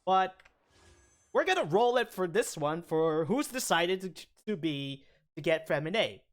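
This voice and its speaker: A man giving casual gaming commentary in a rough morning voice. He talks slowly and haltingly, rambling with many restarts. His pitch leaps widely, and his excited shouts rise well above his usual level. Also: soft background music. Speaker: gaming streamer. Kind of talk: casual gacha-roll commentary.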